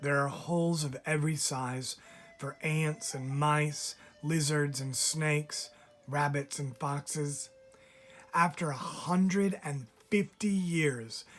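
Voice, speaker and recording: A man whose voice is on the high side reads a children's picture book aloud. His delivery is measured and expressive, with deliberate pauses like a teacher sharing a story with a class.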